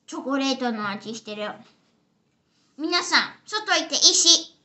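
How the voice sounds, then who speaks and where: A woman's voice: high voice, animated, a little slow, pushed and bright. A young girl casually reviewing candy at a home table, chatty and giggly, now and then slipping into English phrases. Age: child.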